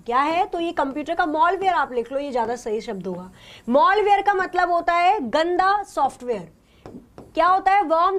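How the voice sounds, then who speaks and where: A woman teacher with a voice that sits high runs a live online class, posing questions and answering them herself while mixing English terms into her speech.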